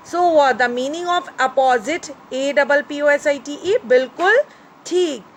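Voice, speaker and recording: A woman's voice: high-pitched, a bit bright, a little hiss or hum. A woman teacher with an Indian English accent, a Hindi speaker, gives a bilingual grammar lesson to children, spelling out words letter by letter. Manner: addresses listeners as children. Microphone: phone screen recording.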